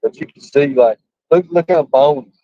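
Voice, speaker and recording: A man's voice: a little high, moderate pace, warm tone, dry recording. Rambling man on a muffled call. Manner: rambling, repeats himself. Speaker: streamer on a call. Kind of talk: casual chat. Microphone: video call.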